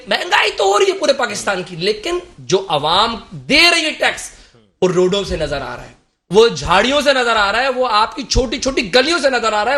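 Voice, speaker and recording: A man's voice: very high voice, pushed and bright. A man from Karachi, a guest on a political talk show, arguing in an impassioned, emphatic, rhetorical way. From Karachi, Pakistan.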